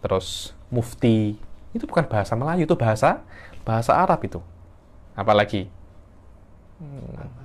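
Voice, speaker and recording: A man giving a classroom lecture on Quranic sciences, explaining terms and rising sharply in pitch when he stresses a point. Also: expressive, moderate pace, pauses often. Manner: explains, then rises sharply in pitch for emphasis. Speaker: religious teacher.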